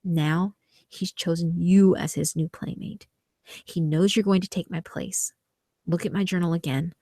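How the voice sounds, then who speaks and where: A woman voicing a tormented, resigned young man trapped in dreams, slow, grave and pleading, in a horror story. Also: lowish voice, fairly even intonation, mellow, no echo, studio quality. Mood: grave, foreboding. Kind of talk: scripted horror story dialogue.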